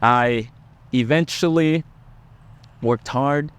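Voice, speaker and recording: A middle-aged man who is a Buddhist monk, talking gently and earnestly to camera about life lessons, with frequent pauses. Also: mid-range voice, smooth. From Laos. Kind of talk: personal reflective talk to camera.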